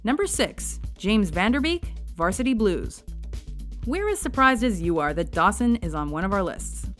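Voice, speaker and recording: A woman's voice: mid-range voice, very animated, normal speed, a bit bright, faint music behind. A woman reading a scripted countdown narration with wry, sarcastic asides.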